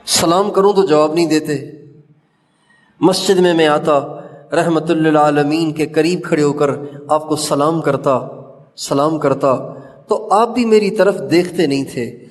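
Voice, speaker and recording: Male Pakistani preacher, fairly high voice, impassioned sermon delivery with chanted verses, long hall reverb. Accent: Pakistani Urdu. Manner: impassioned storytelling, rising to emphatic questions and chanting Quranic verses. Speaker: Islamic preacher.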